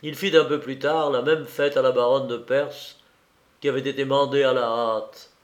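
A man narrating a classic novel in a measured, unhurried reading. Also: medium pitch, little pitch movement. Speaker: audiobook narrator.

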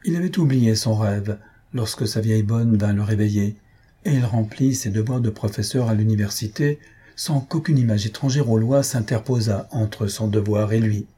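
Male narrator for a novel reading: deeply husky, warm-dark, steady and measured. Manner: measured, even storytelling. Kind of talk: audiobook narration.

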